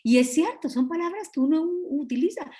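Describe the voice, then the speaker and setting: A woman, a pastor's wife, teaching a Bible study over a video call with a Guatemalan Spanish accent, earnest and confiding, often clearing her throat. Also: sits high, expressive, a little fast, mellow. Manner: earnest, confiding, acts out quoted dialogue.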